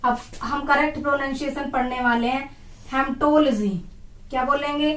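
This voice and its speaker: A woman teacher giving an exam-prep lesson, asking questions and repeating each term slowly so students say it with her. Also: high-pitched, steady tone, fairly bright tone. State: dry throat. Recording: echoey room, far from mic.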